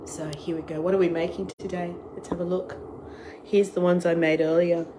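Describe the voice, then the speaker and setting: Brisk and dark, her fairly low voice barely moves in pitch. A middle-aged Australian woman who hosts online tours and cooking classes, she has a cold and a fading voice as she casually runs a live cooking stream, greeting each viewer who joins. Recorded on a device camera, she starts on an outdoor deck with wind and ambient noise and ends up in her home kitchen.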